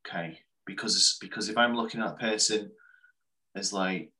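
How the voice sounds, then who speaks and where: Bright-voiced man, thoughtful co-host. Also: on the low side, moderate pace, poor audio. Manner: meandering, thoughtful, with many restarts. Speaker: co-host and coach. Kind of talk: casual conversational podcast.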